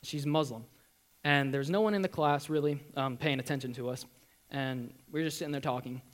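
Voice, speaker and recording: A young man giving a church testimony, earnest and halting, with many ums and restarts. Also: mid-range voice.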